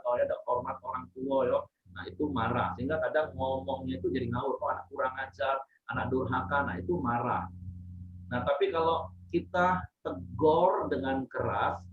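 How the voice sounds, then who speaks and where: A man preaching in a relaxed, conversational way, going over his points again and again for the congregation. His voice sits in a middle range. The sound is muffled and a little far from the mic. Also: medium pitch, echoey room. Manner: plain, repetitive teaching, addresses listeners as Bapak Ibu. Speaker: pastor leading a devotional. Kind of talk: casual sermon to a congregation.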